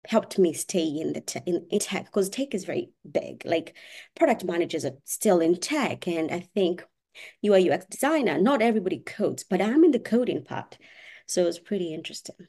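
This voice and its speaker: A woman, a software engineer chatting animatedly as a podcast guest and laughing often. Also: fairly low pitch, lively intonation, moderate pace, vocal fry, slightly rough. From Kenya. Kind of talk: casual interview chat.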